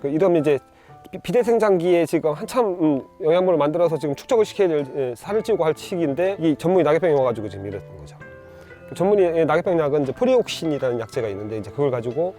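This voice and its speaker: Male bonsai grower, casual demo, a bit high-pitched, stop-start delivery over faint background music. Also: big pitch swings, mellow. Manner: halting, many fillers and restarts, pointing things out. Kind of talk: casual instructional demonstration.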